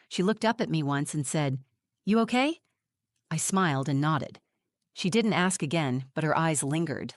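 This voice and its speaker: A woman in her forties giving a measured, reflective first-person narration of a scripted story. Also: deep voice, no room sound, studio quality.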